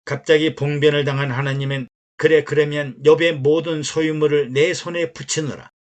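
A man, a pastor, reading a sermon that retells stories, in a measured, steady way. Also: fairly high pitch. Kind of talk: read sermon narration.

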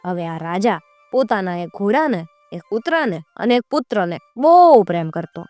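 A woman's voice: medium pitch, a little mellow, no echo. Woman, folk tale narrator, dry close sound, faint music behind. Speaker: storyteller.

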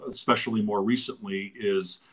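Older man, low voice, thoughtful interview guest. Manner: thoughtful, relaxed, many pauses and fillers. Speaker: interview guest, business founder. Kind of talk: casual conversational interview.

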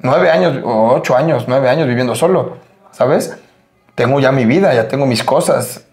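A young man with a Mexican accent, a podcast guest telling a story in a casual, lively way, full of filler tags. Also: medium pitch, moderate pace, reverberant. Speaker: podcast guest, American football player.

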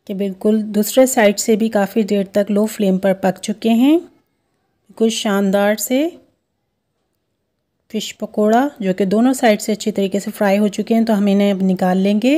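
A woman hosting a home cooking video, explaining each step of a recipe in a steady, instructive way. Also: medium pitch, normal speed. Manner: steady, instructive, repeats steps. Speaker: cooking show host. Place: home kitchen.

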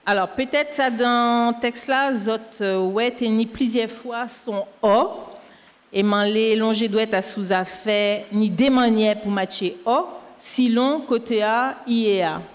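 A woman's voice: a little high, unhurried. A woman with a Martinican Creole accent, a teacher patiently explaining spelling rules and spelling words out letter by letter. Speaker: language teacher correcting a dictation. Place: school canteen hall. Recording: echoey hall.

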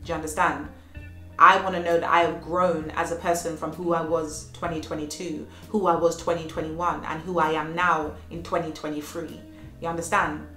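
A woman in her thirties with a slight cold shares earnest motivational life lessons in a home vlog, repeating phrases for emphasis while a child plays in the next room. Her deep voice is bright and forceful, level in tone at a moderate pace. The room echoes and faint music is audible.

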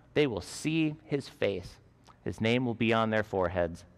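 A man in his forties delivers a school chapel sermon in an earnest storytelling manner, on a headset mic. His voice sits at an ordinary middle pitch. It rings out with the long reverb of a large chapel. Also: a bit bright, clear, resonant tone. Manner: earnest storytelling, gesturing with both hands. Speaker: school chaplain preaching. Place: school chapel stage with a lectern.

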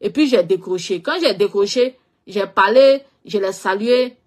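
A woman's voice: mid-range voice, measured pace. A woman with a West African French accent, frankly telling a personal story in a loose, repetitive way, often trailing off with filler phrases. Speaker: social media personality. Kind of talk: casual storytelling monologue.

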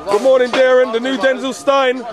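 An upbeat London man with a high-pitched voice chats casually as a roving interviewer. He is chummy and slangy, with music and a crowd behind him. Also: flat delivery, fairly quick. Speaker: interviewer and host. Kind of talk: casual on-the-spot video interviews. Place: outdoors at a busy park event.

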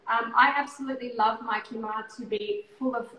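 A woman's voice: fairly high pitch, fairly even intonation, brisk, pushed and bright. A woman in her thirties co-hosting a cooking show from her home kitchen over a video call, friendly and talking through each cooking step. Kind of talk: casual cooking demonstration. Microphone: video call, laptop or phone camera. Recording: echoey kitchen with faint background noise.

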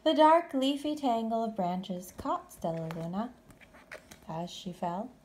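A woman reading a children's story aloud expressively, with deliberate, dramatic phrasing. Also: fairly high pitch, animated, a little mellow, slight background noise. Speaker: storybook reader.

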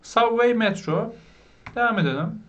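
A man teaching basic English vocabulary, explaining patiently, asking learners questions and pronouncing words slowly. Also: high voice, lively intonation. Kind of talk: vocabulary lesson.

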